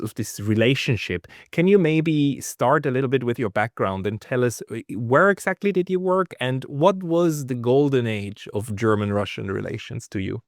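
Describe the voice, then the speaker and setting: Man hosting, measured storytelling delivery. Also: mid-range voice, no room sound, studio quality. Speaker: host. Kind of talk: scripted introduction and interview questions.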